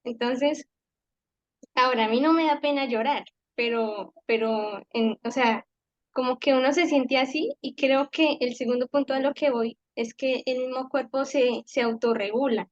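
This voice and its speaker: A woman's voice: sits high, moderate pace, no room sound, muffled recording. A woman sharing a personal reflection in a faith group class, talking conversationally with hesitant restarts. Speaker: class participant.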